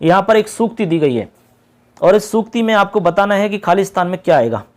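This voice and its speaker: A man teaching an exam-prep lesson, patiently repeating key points and reading questions out slowly. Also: sits high, expressive.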